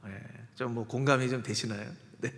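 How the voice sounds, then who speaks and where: A man's voice: medium pitch, fairly even intonation, moderate pace. A male pastor preaching a Sunday sermon, acting out dialogue and quizzing his congregation. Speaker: senior pastor. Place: church sanctuary. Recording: echoey church hall.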